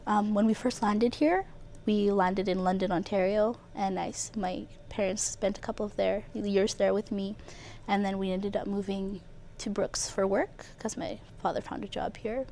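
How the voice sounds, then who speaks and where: A young woman from Ethiopia answers interview questions in a casual way, often saying "um" and "like". Her voice is mellow and fairly flat. Faint noise hums behind her. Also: medium pitch, normal speed, hardly any pauses. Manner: casual, with fillers like "um" and "like". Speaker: guest.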